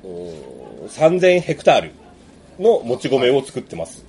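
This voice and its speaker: A man speaking casually as a guest, with hesitant, halting phrasing. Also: mid-range voice, wildly swooping pitch, creaky, darkish tone, a little hiss or hum. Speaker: podcast guest, rice ambassador. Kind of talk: casual interview talk.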